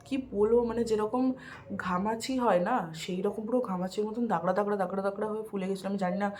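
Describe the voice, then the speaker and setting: A woman's voice: medium pitch, steady tone, a little fast, a little mellow, slight background noise. Casual woman vlogger chatting to viewers. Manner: mixes English words into Bengali. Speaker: family vlogger. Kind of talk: casual vlog chat to viewers.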